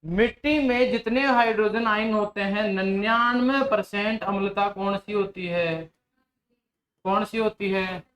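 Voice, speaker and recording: A man's voice: sits high, unhurried, fairly bright tone, echoey room, low-quality recording. A male agriculture teacher gives a classroom lecture, repeating questions back to his students and teasing them.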